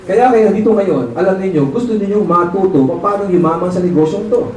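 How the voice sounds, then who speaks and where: A man's voice: high voice, brisk, a little mellow, a little hiss or hum. A man giving a motivational seminar talk as a training director, telling his story with animation and often asking the crowd to agree. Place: large seminar hall. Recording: very echoey hall, mic far off.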